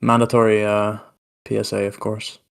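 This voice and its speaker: A man with a British accent bantering casually in a gaming voice chat, laughing often and calling out quick directions. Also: fairly low pitch, completely flat delivery, creaky, clear, resonant tone. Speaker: gamer in group voice chat.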